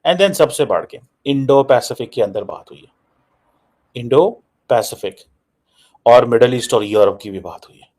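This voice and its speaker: Mid-range and darkish in tone, a man's voice moves at a moderate pace through informal political commentary. With a Pakistani accent, he drives points home by repeating phrases and weaves English into his talk.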